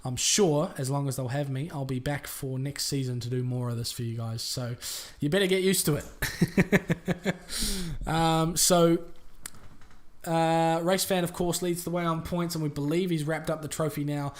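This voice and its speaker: A man with a New Zealand accent commentating a sim racing stream in a chatty, relaxed way with lots of fillers. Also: on the high side, moderate pace. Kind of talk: live race commentary.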